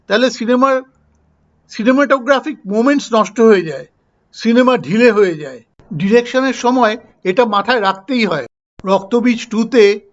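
An older man from India talks through a film review in a chatty, anecdotal way, his voice pitched strikingly high for a man. The recording is dull and lo-fi, like a simple home setup. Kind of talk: casual film review vlog.

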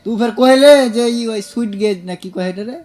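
A woman's voice: on the high side, fairly quick, darkish tone, natural voice. A woman voicing a chatty village girlfriend in a folk Gambhira radio play, with a Chapainawabganj Bengali accent and a teasing, gossipy manner. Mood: scolding. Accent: Chapainawabganj Bengali dialect.

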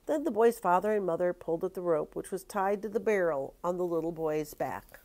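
An older woman, a grandmother with a lowish voice, reads a picture book aloud, telling the story expressively and drawing out her words.

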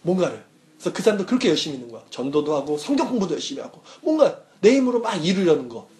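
A man's voice: a little high, big pitch swings, racing, mellow. A young man, a youth pastor, giving a casual sermon to students and often checking whether they follow. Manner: casual teaching, asks listeners questions.

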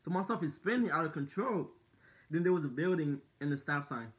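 A man's voice: on the high side, expressive, a little fast. Rambling young man, slangy storytelling. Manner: rambling, many "like" and "dude" fillers, slangy. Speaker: vlogger. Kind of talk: casual storytelling to camera.

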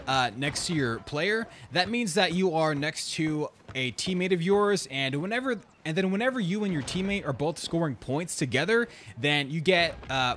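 A man giving casual gameplay commentary, excitable and slangy, talking straight to his viewers as bro and dude. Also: a little high, slight background noise. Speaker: gaming YouTuber.

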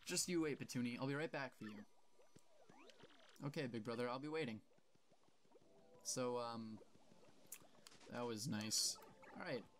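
A man's voice: medium pitch, measured pace, long pauses, a little hiss or hum. A young man casually commenting on his gameplay and reading the game's dialogue aloud in his own plain voice, offhand and self-deprecating. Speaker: let's play host.

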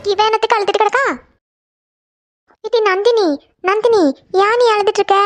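Woman doing a cartoon young woman, very high pitch, coaxing, caring friend. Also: steady tone, moderate pace, soft background music. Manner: coaxing, repeated questions. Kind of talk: cartoon voice acting.

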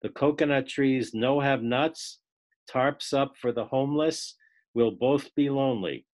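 A man taking part in a class on a video call, reading a poem aloud and then discussing it in a casual, halting way. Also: mid-range voice, darkish tone. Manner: unhurried, restarts words, laughs while reading.

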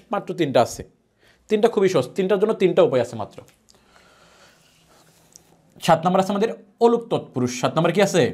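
A man teaching a grammar lesson, asking questions and answering them himself. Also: high-pitched. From Bangladesh. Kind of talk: classroom lecture.

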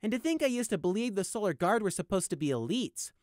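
A man voicing a bitter, bloodthirsty young male sheep in an audiobook, talking with shrill, spitting contempt. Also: flat delivery, slow, sharp tone, no echo, clean studio sound, exaggerated voice. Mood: cold scorn.

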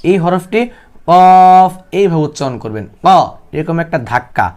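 A man teaching Quran recitation, speaking with a Bangladeshi Bengali accent, who explains quickly and then chants each word in slow, drawn-out syllables. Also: a little high, animated, highs cut off.

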